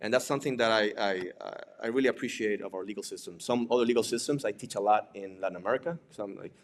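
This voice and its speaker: His voice is lowish and he talks fast, with slight background noise behind him. A Puerto Rican native Spanish speaker, he teaches digital forensics and works as an examiner, delivering a casual lecture laced with rhetorical questions and frequent "right?" tags.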